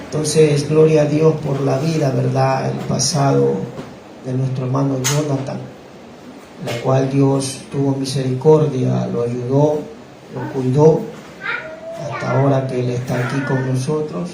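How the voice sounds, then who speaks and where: A man's voice: medium pitch, level tone, a little slow, gravelly. A man preaching to a congregation as pastor, exhorting the listeners and often checking in with them. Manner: exhorting congregation, frequent "¿verdad?". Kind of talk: sermon. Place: church. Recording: echoey church room with noise.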